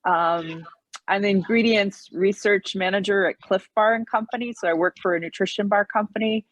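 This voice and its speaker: A woman's voice: mid-range voice, fairly even intonation, normal speed, no room sound, dull audio. American woman, chatty intro on a call, lots of ums, dry sound. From United States. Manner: eager, chatty with many fillers. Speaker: meeting participant. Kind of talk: self-introduction on a video call. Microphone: video call.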